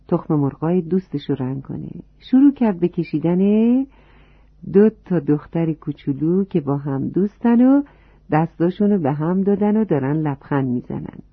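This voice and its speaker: Speaking directly and warmly to children, a narrator tells a storybook tale in a medium-pitched voice with a breathy edge. There's no echo; the sound is dry and phone-like, a bit tinny.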